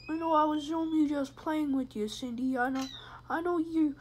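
A woman's voice: high-pitched, steady tone, moderate pace, darkish tone, a little hiss or hum. A woman playing a horror game and commenting in a jokey, rambling way, sometimes dropping to a whisper. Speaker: gamer. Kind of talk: let's play commentary.

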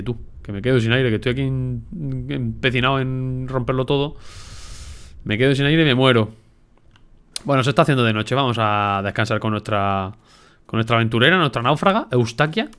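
Swearing, excitable gameplay streamer man. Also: mid-range voice, smooth. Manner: excitable, swears a lot, talks to himself. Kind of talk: casual gameplay commentary.

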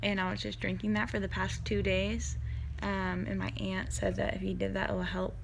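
A young woman vlogs casually after wisdom teeth surgery, talking through a numb, swollen mouth. Her voice is creaky and drowsy, and the phone recording is clearly noisy. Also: mid-range voice, completely flat delivery, moderate pace. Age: 20s. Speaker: vlogger. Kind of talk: casual vlog chat. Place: parked car, later rooms at home. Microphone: phone at arm's length.

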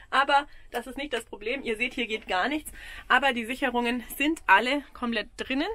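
A woman in her forties, speaking with an Austrian German accent, films a casual vlog walkthrough of her camper van outdoors on an action camera held at arm's length. She talks frankly, with frequent ums and small laughs, in a slightly high, pushed, bright voice.

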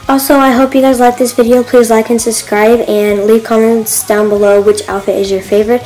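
Perched on a mailbox in a suburban yard, a phone camera captures a teen girl's casual outfit vlog. Her voice is mid-range and a little mellow, her manner chatty and gushing, though the sound quality is poor.

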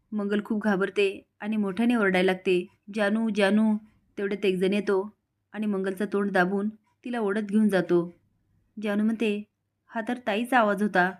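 A woman narrating a scripted recap of a TV serial episode in a steady storytelling delivery. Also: mid-range voice.

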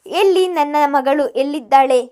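Give me a woman narrator doing an arrogant, mocking mother in a storybook reading, high-pitched. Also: unhurried, dark tone. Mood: taunting. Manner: mocking, haughty. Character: domineering mother reclaiming her daughter.

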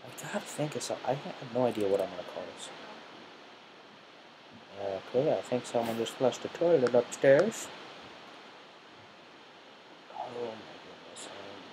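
A man's voice: mid-range voice, normal speed, long pauses. Nervous teen boy narrating his gameplay. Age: teens. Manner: nervous, jittery self-talk while playing. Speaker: gamer. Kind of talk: let's play commentary. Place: room in a family home. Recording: steady background hiss.

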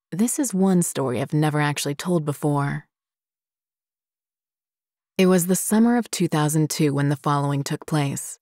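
Woman, low voice, scripted horror narration, steady unhurried delivery, dry close recording. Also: dry recording. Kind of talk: scripted narration of scary stories.

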